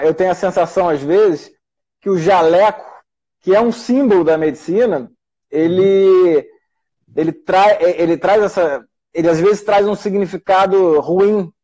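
A man's voice: high-pitched, warm tone, dull audio. A middle-aged Brazilian man, a doctor and teacher hosting a casual live talk, rambling with many restarts. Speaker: host.

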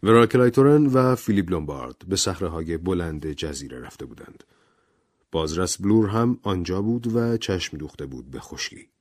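A male audiobook narrator telling a story in an expressive, dramatic way. His voice sits on the low side and moves very animatedly in pitch. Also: no echo, studio quality.

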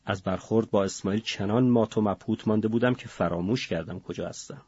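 A man reading a novel as an audiobook narrator, in a measured, grave delivery. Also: on the low side, a little mellow, breathy edge, dry recording, lo-fi sound.

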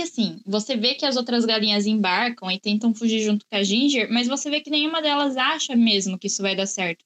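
Chatty woman, fairly high voice. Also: a bit bright. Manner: chatty, explains at length. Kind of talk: casual film discussion.

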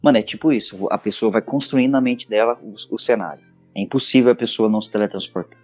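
Brazilian man, podcast guest, husky voice, animated storyteller, faint music underneath. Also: on the low side, fast talker. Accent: Brazilian Portuguese. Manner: animated storyteller acting out scenes. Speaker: podcast guest, intimate audio creator. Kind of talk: casual podcast conversation.

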